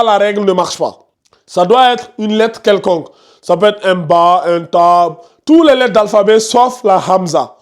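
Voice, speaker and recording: Man teaching tajwid in an online class. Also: high-pitched. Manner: repetitive, pointing out details on screen, scolds noisy students. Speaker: Quran recitation teacher.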